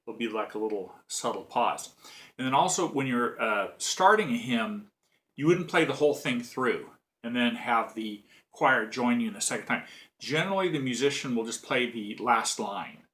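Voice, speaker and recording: A man's voice: mid-range voice, animated, moderate pace, fairly bright tone. A man giving an informal spoken music lesson on the bagpipes, explaining in a rambling way with frequent restarts. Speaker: bagpipe teacher.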